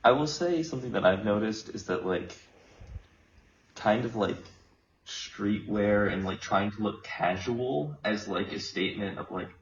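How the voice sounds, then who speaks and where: Brief: young American man, low voice, rambling casual talk, dull far-off roomy recording. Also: measured pace. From Los Angeles, USA. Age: young adult. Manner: rambling, many likes and restarts. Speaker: interviewed student. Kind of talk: casual chat. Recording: roomy, distant, dull, faint noise.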